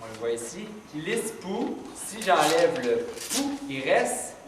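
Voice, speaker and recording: A woman's voice: on the low side, very animated, takes it slowly, a crowd in the background. A woman teacher reading a story to young children and stopping to ask them patient, encouraging questions about sounds and rhymes. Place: classroom with children. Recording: echoey classroom from far off with noise.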